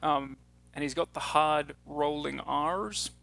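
Gravelly, bright New Zealand man. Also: fairly high pitch, fairly even intonation. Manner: halting, many restarts. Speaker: podcast co-host. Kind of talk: casual film podcast chat.

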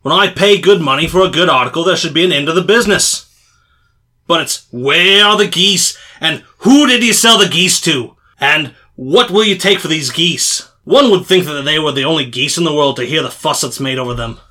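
A man's voice: a little high, lively intonation, sharp tone. An actor playing a surly, hot-tempered poultry salesman who blusters and argues. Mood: indignant. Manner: blustering, combative, quick to anger. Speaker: market stall salesman.

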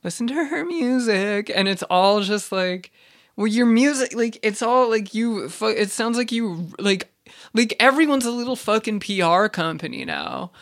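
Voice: medium pitch, a little slow. A speaker delivering a casual, exasperated, profane rant, full of fillers and restarts. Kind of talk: casual ranting monologue.

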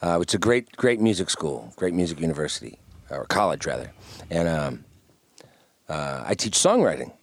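A low-voiced man chats easily as a guest, rambling through stories and often starting sentences over. His voice sits close and dry on the mic, with no room sound around it. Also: normal speed, no room sound. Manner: relaxed, rambling storyteller with many restarts. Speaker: guest musician. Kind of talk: casual interview chat.

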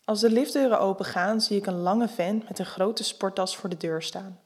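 Woman narrator, erotic audio story, calm reading, mid-pitched voice. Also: normal speed, husky.

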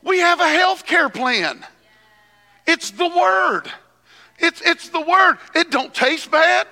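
Male preacher, high bright voice, slow delivery, at a pulpit microphone in a reverberant church hall. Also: expressive, vocal fry. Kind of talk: sermon.

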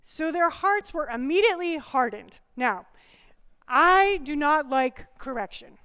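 A woman's voice: high voice, expressive, unhurried, bright, forceful tone, in a large hall. A woman preaching a conversational sermon with humor, often asking the congregation questions.

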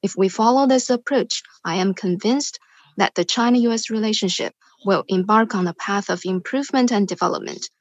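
A woman speaking as a live interpreter, relaying a formal speech from a teleconference in a measured, formal way. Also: medium pitch, no room sound. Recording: dull lo-fi teleconference audio.

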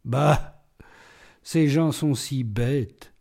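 A man reading an audiobook, voicing a witty, mocking, self-assured gentleman burglar held in a cell. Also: medium pitch, extremely slow, vocal fry, heavily acted. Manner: playful, ironic, self-assured.

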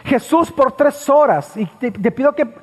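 Male pastor, high voice, sermon in a church hall with long reverb; repeats lines for emphasis, loud-to-hushed swings. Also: expressive, unhurried, husky. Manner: preaching with sharp swings between loud high passages and low hushed ones.

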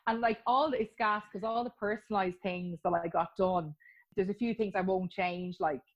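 A woman's voice: mid-range voice, moderate pace, dull audio. An Irish woman chatting as an interview guest about her postponed wedding plans, talking freely with frequent laughs and restarts. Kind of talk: casual chat.

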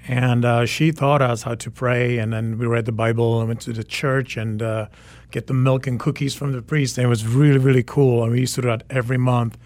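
A man's voice: mid-range voice, steady tone, brisk, a little mellow, no room sound. Czech guy, 40s, keen interview guest, doubles up words, dead dry sound. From Czech Republic. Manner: enthusiastic, repeats words. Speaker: photographer.

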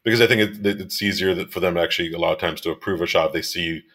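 A man in his thirties from Miami talks as a guest about his photography and directing work. His voice sits very low and deep, and he rambles loosely, with lots of fillers and restarts. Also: fast, a bit bright, slightly rough. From Miami, United States. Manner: rambling, many fillers and restarts, laughs easily. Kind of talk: casual interview conversation.

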